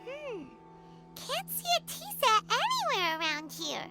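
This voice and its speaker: Paimon, a squeaky fairy companion. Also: female voice, wildly swooping pitch, measured pace, heavily acted. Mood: chirpy. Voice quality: high, bubbly, refers to herself by name. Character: tiny floating fairy companion, chirpy, girl. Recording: studio game dialogue with background music.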